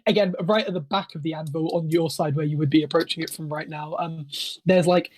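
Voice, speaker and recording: A game master narrating a tabletop game over a voice call, improvising in a halting, self-correcting way. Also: mid-range voice, steady tone, darkish tone.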